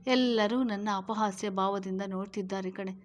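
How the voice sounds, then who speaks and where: A woman's voice: medium pitch, fairly even intonation, moderate pace, lightly acted. A woman reading as a grieving young husband. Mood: pleading. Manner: soft pleading speech, begging.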